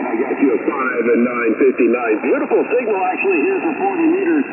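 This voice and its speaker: A man from Colorado, an amateur radio operator, heard over a ham radio receiver, trading quick contact talk and call signs. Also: medium pitch. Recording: tinny static-filled radio reception.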